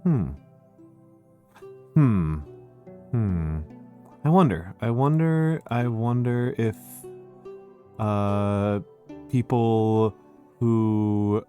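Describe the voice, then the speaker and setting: A man with a fairly low voice and a Northeastern American accent hosts a casual livestream over music. He puts on a smooth, measured public-speaker delivery, like a teacher at a podium, while often pausing and repeating himself. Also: dark tone. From Northeastern United States. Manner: halting, repeats phrases. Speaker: livestream host. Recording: music behind the voice.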